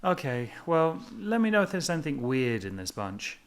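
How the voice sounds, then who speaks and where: A man's voice: fairly high pitch, big pitch swings, normal speed, clean tone. A man voicing an offhand young male ninja hero in a comedy reading.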